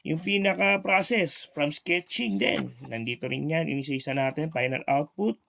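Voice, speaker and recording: A man's voice: on the high side, moderate pace, creaky, a bit bright, slight background noise. A man, an editorial cartoonist, explaining his guide page by page in a casual teaching style, asking rhetorical questions and tagging sentences with "so" and "di ba". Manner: asks rhetorical questions, frequent "so" and "di ba".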